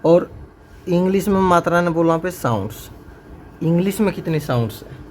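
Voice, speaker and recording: A man's voice: a little high, expressive, moderate pace. A male teacher, teaching a grammar lesson to a class and drilling his students with repeated questions. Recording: faint background noise.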